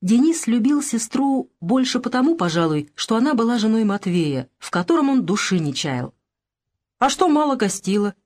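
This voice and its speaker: A woman reading a novel aloud in even, measured audiobook narration. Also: fairly high pitch.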